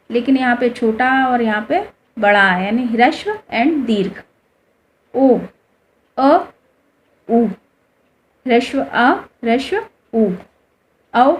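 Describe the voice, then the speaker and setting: A woman's voice: high voice, slight background noise. A woman teaching a class, patiently asking questions and answering them herself, drawing out vowels to show how they sound. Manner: draws out vowels to demonstrate them. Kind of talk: explaining a lesson to students.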